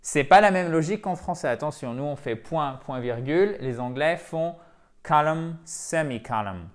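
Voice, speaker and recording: A man teaching a video lesson for French speakers, lively and repeating words to drill their pronunciation. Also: fairly high pitch, normal speed. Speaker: English teacher.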